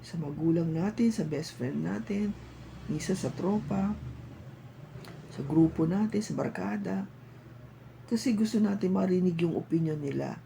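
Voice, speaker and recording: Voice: medium pitch, unhurried, creaky, long pauses, mellow, slight background noise, rough recording. A tarot reader with a Filipino accent giving a casual, chatty reading and coaxing listeners with frequent tag questions. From Philippines.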